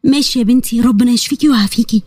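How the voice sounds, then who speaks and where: A woman's voice: on the high side, very fast, darkish tone, breathy edge, no echo, studio quality. Woman as a tender Egyptian mother. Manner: tender, sorrowful. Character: caring middle-aged mother.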